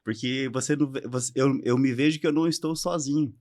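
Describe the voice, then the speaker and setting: A man's voice: mid-range voice, fairly even intonation, quick pace, darkish tone, no echo. A Brazilian man hosting a podcast, speaking with effusive enthusiasm to his guest. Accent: Brazilian Portuguese. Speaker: podcast host. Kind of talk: casual interview talk.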